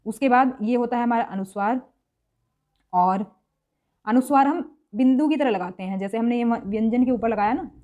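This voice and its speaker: Female teacher, slightly high, mellow voice, patient and methodical, lo-fi sound. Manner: patient, repeats sounds slowly to show pronunciation. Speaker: Hindi grammar teacher. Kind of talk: classroom-style lesson.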